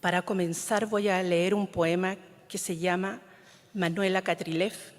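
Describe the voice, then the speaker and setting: Reading slowly and solemnly in a large conference hall, a woman poet from Chile, whose first language is Mapudungun (Huilliche), keeps a fairly low pitch and a steady tone. She measures each line and often lets it fade to a whisper, under the hall's long reverb.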